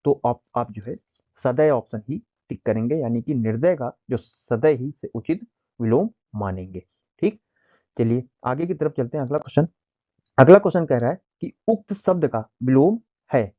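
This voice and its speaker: A man's voice: medium pitch, animated, moderate pace, mellow, muffled recording. A man teaching an exam-prep language lesson, reading out answer options one by one and then explaining which is correct.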